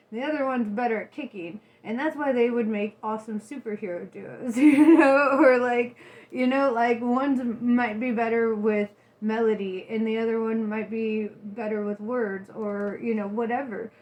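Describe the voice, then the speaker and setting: A woman's voice: a little high, a little mellow, poor audio. A stoned woman giving a loose, rambling, giggly casual rant, slangy and salty-tongued, as a vlogger. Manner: giggly, laughs often while talking; salty, slangy, swears freely.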